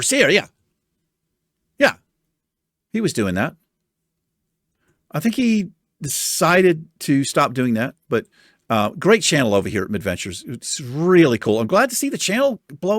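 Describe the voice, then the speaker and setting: Reading viewer comments as a YouTube host, a chatty American man speaks in a soothing, somewhat high voice with lively swing. He laughs a lot, swears casually, and keeps things animated and friendly, like a casual chat among pals. There's no room echo; the recording is dry and close.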